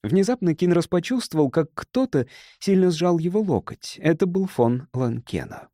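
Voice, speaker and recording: A man's voice: fairly high pitch, lively intonation, normal speed, mellow, no room sound. A man narrating an adventure audiobook in a dramatic, tense storytelling manner, close to the mic. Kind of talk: scripted narration.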